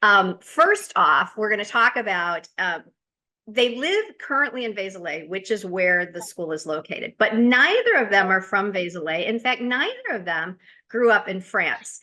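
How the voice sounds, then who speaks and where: Woman from the States, podcast host, bright and forceful tone, chatty and loose. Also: medium pitch, sing-song, unhurried. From United States. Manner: chatty, with frequent fillers and restarts. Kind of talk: casual interview introduction.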